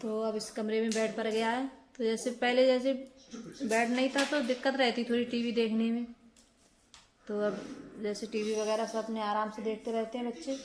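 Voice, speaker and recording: A young woman narrating her own home vlog in a casual, unhurried way, with lots of filler words. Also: on the high side, little pitch movement. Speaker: home vlogger.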